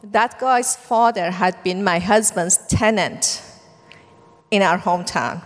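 A middle-aged Iranian woman whose first language is Farsi gives a personal testimony talk, recounting her life story in a Persian accent at medium pitch. She speaks earnestly and without hurry, saying "um" frequently. The long reverb of a large hall surrounds her voice.

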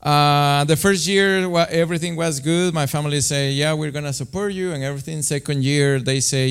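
Smooth-voiced man. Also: on the high side. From Guatemala. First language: Spanish. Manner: friendly, tells his story with light humor. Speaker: guest. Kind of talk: personal storytelling in interview.

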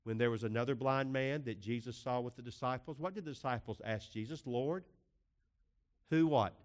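A man's voice: medium pitch, fast. A man preaching a sermon as a pastor, emphatic, with rhetorical questions and swings in pace.

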